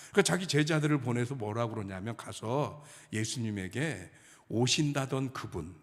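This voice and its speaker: A middle-aged male pastor from Chungcheong, Korea, preaches in a loose, humorous storytelling way. His pitch rises and falls with lively swings. His voice trails off into the long reverb of a church sanctuary. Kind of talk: sermon.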